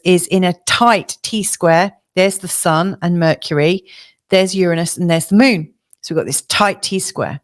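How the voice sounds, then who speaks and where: A woman astrologer giving a chatty weekly forecast to camera, slightly hoarse, with many fillers and restarts. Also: lowish voice. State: slightly hoarse, losing her voice. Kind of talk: casual spoken forecast to camera.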